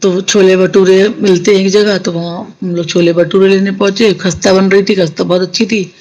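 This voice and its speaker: A woman's voice: mid-range voice, little pitch movement, normal speed, darkish tone, muffled recording. A woman telling a devotee's experience in a casual, conversational way, speaking straight to her listeners. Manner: conversational, addresses the listeners as sangat ji. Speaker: satsang storyteller sharing a devotee's experience.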